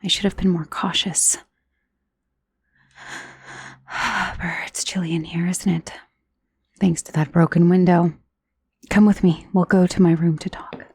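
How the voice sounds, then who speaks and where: Tender and soothing, a woman's lowish, steady voice moves at a moderate pace with a slightly mellow tone, recorded in clean studio sound without echo. She portrays a powerful, self-assured female vampire, protective and possessive of a lover, in an intimate ASMR romance roleplay that frequently slips into a breathy whisper.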